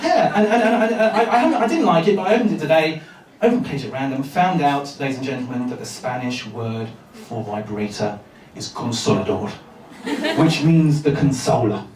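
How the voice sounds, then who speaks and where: A male stand-up comedian from England with a high voice, rambling through his set with hesitant fillers and deadpan delivery. He is recorded in a roomy club, heard from a distance with the audience around him. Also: moderate pace, a little hiss or hum.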